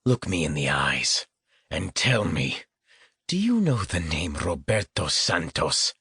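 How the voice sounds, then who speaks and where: A man's voice: low voice, very animated, slow, sharp tone, slightly rough, no room sound, studio quality, heavily acted. A man reading an audiobook, voicing a brutal, vengeful male rebel who talks in a cold, menacing way.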